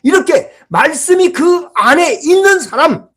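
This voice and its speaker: A pastor preaching a sermon in a small church, telling a personal story and swinging between loud exclamations and hushed asides. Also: high-pitched, animated, a little slow.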